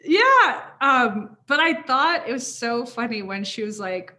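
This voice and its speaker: A woman's voice: fairly high pitch, unhurried. A woman from Wisconsin co-hosting a podcast, chatting casually and laughing often while recapping an episode. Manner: giggly, animated, laughs often. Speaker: podcast co-host.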